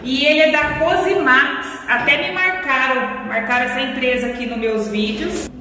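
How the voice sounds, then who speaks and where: A woman's voice: moderate pace, pushed and bright. A woman hosting a house-tour vlog, chatty and guiding viewers room by room, her voice echoing strongly off the bare walls of an empty house. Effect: strong echo bouncing off bare walls. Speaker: vlog host. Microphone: camera held by another person some distance away. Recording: booming echo, long reverb, distant from the mic, faint hiss.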